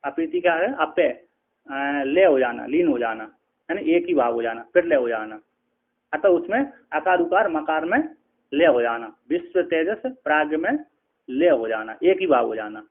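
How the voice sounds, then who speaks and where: A man, a spiritual teacher, giving a scripture lecture, explaining slowly with many repetitions and checking in with his listeners. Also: fairly high pitch, lively intonation. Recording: tinny phone-like lo-fi sound.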